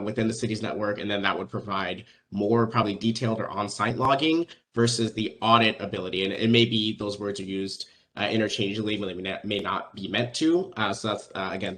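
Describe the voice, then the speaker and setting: A man's voice: lowish voice, fairly quick, fairly bright tone. A man facilitating a virtual public meeting, politely calling on speakers and hedging his replies.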